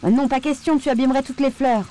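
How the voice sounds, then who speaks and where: An eager, restless young woman at the controls, earnest and a little tense, voiced by the woman who reads the story. Her lines sit higher and brighter than the narration. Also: steady tone, fairly quick, lightly acted. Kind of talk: audiobook character voice.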